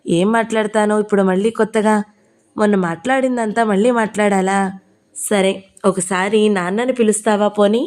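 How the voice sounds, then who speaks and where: Calm woman reading an audio novel. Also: medium pitch, moderate pace.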